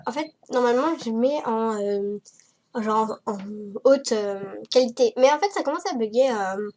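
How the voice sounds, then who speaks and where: A fairly high-voiced woman talks over her game in a loose, rambling way, her voice hoarse and stuffed-up from a cold. She hesitates often and pokes fun at herself as she goes. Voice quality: nasal. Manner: rambling and hesitant, self-mocking. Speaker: Sims building YouTuber. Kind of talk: casual gameplay voice-over.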